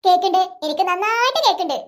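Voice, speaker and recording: A performer voicing a strict, sharp-tongued mother in a cartoon, nagging and sarcastic toward her husband. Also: very high voice, animated, fast. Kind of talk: cartoon voice acting.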